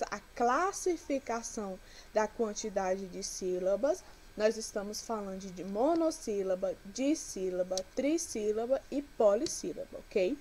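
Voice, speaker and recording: A woman teacher explains her lesson in a slightly high voice, pausing often to check that students follow. She keeps asking questions and answering them herself. A faint hiss sits under the recording. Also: a little mellow, rough recording. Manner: checks in with frequent "ok?" and rhetorical questions.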